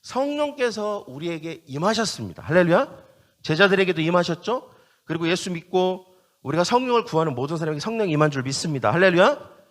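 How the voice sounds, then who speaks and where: A male pastor delivering a sermon in a high, lively voice that swings widely up and down. He hammers key phrases again and again and keeps turning to the congregation with questions. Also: fast talker.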